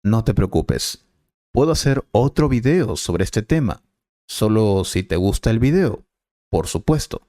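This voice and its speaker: Patient man teaching with a lively voice. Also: on the low side, measured pace, no room sound, clean studio sound. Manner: clear, patient explaining. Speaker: Spanish teacher. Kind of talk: scripted lesson dialogue.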